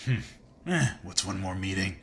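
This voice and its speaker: An actor playing a cynical, self-assured veteran hunter in a video game, speaking in a dry, sardonic and menacingly casual way. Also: male voice, sits low, lively intonation, measured pace, slight background noise. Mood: weary, wry.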